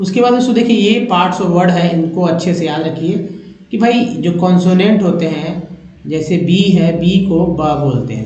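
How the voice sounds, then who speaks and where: A man's voice: a little high, a little mellow. Guy teaching english sounds, asks then answers himself, super echoey room, kinda muffled audio. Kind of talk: Hindi-language phonics lesson.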